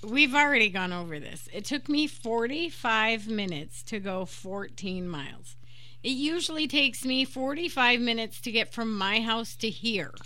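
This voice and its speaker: A woman's voice: fairly high pitch, expressive, unhurried, sharp tone. A woman co-hosting a podcast in casual chat, blunt and exasperated, swearing freely. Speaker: podcast co-host.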